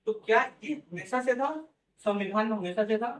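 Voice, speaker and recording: A man whose voice sits high for a man lectures his class at a normal speed with a fairly bright tone. He explains each point step by step, checking in with his students and repeating "theek hai" and "hai na." Without a microphone, he sounds far away amid the room's echo.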